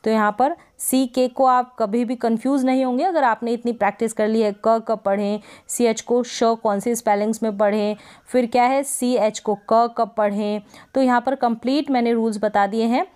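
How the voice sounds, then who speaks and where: A woman teacher walks through a phonics lesson, reading word lists slowly and repeating each one. Her voice is smooth and resonant, pitched a little high. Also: steady tone, darkish tone. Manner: slow, repetitive word-by-word drilling. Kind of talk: English phonics lesson in Hindi.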